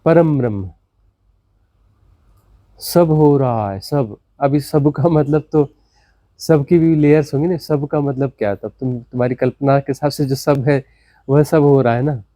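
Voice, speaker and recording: A man speaks a little slowly in a mellow voice, giving a satsang discourse on a dry recording. He is a spiritual teacher who repeats words, asks rhetorical questions, and swings his pitch dramatically.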